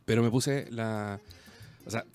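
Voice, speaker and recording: A man with a Chilean accent telling a story in casual chat, rambling and animated, full of slang. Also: lowish voice, measured pace, clean tone, faint music behind.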